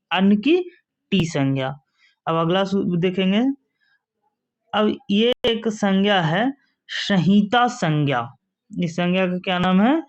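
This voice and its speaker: A teacher working through grammar rules for exam students, at a slow, deliberate pace. He keeps asking a question and then answering it himself. The sound is dull and lo-fi. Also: medium pitch. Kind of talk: exam-prep lesson explaining rules.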